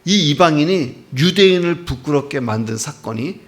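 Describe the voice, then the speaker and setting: A man's voice: on the high side, animated, normal speed. A man preaching a sermon as a church pastor, emphatic and often opening his lines with a short "well, now". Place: church sanctuary.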